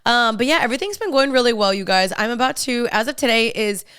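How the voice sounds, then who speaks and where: A young woman hosts a casual solo podcast, chatting in a friendly, upbeat way and calling her listeners "you guys." A lingering cold makes her slightly nasal and congested, yet her voice stays very smooth and clear, pitched on the high side with lively intonation, a fast pace and a bit of brightness. The recording is close and dry with no room sound.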